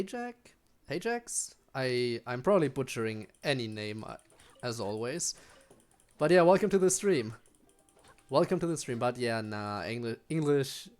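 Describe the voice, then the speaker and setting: Streaming a game, this young man chats loosely with his viewers in a German accent, since German is his native language. He often says um and restarts his sentences, and his voice is on the high side with a darkish tone.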